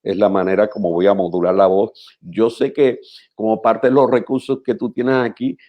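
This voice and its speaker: A man, a pastor teaching preachers in a measured, instructive radio talk who repeats phrases for emphasis. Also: fairly low pitch, flat delivery, lo-fi sound.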